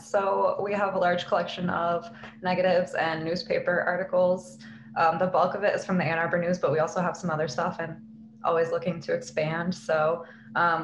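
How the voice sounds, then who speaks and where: A woman who works in an archive, chatting casually on a video call. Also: fairly low pitch. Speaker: archives staff member. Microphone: webcam on video call. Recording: roomy call audio with faint hiss.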